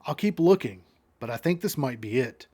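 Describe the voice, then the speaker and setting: A man reading the lines of a calm, unsettling woman with secrets, in an even, unhurried delivery. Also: medium pitch, slightly rough.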